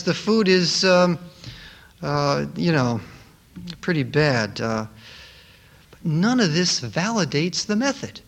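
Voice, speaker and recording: Male preacher, high voice, emphatic and repetitive sermon delivery. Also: a bit bright.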